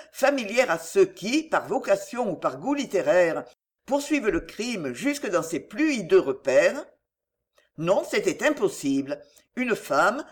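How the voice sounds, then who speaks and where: Expressive woman narrating an audiobook. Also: mid-range voice. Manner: measured, expressive reading.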